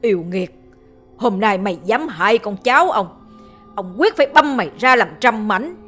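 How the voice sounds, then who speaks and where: A woman voicing a fierce, hot-tempered old father who shouts in fury, reading a ghost story with faint music behind. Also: mid-range voice, animated, moderate pace, natural voice. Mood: furious. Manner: shouting, furious.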